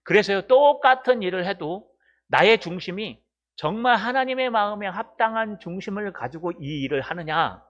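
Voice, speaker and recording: Male pastor preaching in a slightly high voice. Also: moderate pace, muffled recording. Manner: animated, acts out quoted voices, direct address to the congregation. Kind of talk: sermon.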